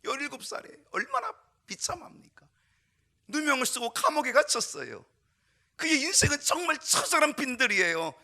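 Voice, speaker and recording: High, bright, emphatic male preacher. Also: huge pitch swings, moderate pace. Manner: emphatic, swinging from loud exclamations to whispers. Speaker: pastor. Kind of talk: sermon. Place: church sanctuary.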